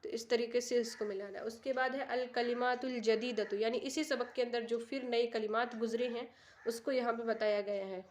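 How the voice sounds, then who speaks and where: A woman teacher works through a textbook lesson at an unhurried pace, reading each word carefully before she explains it. Her voice sits a little high, and she stays patient and methodical throughout. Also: fairly even intonation, slight background noise. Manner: reads each Arabic word slowly, then translates it plainly. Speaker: Arabic language teacher.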